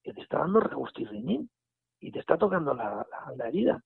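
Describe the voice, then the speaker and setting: A man, telling a story in a casual, animated way and acting out the dialogue. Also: a little high, fairly quick, vocal fry, husky, no echo. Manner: animated retelling with quoted dialogue and restarts. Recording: phone line audio.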